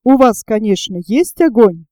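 A woman reading the part of a calm, thoughtful middle-aged male engineer, measured and reassuring. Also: fairly high pitch, dry recording, lightly acted.

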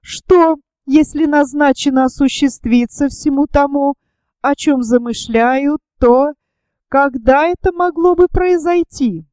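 Vain elderly male writer in a storybook reading, self-important, with a mellow high sugary squeak, voiced by a woman. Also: slow pace, no room sound, clean studio sound. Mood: sugary fawning. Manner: affected, sugary squeak when fawning.

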